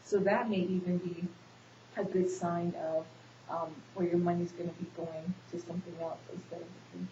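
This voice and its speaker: A social work student takes the counselor's part in a counseling role-play, her voice congested and on the low side. She keeps a level tone at a moderate pace, with many ums and restarts. The recording sounds dull and hissy, made in an echoey room.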